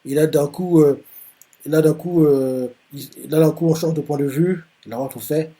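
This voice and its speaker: Mellow-voiced man retelling a manga. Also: a little high, moderate pace. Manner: rambling, full of fillers and restarts. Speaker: manga reaction host. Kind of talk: casual retelling of a manga chapter.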